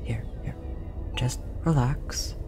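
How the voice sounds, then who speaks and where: This roleplay audio drama features a tall, gentle, apologetic alien researcher calming an abducted captive, spoken slowly, softly and hesitantly in a natural voice over music. The mood is soothing and earnest. Audible background noise and monitor beeps are present.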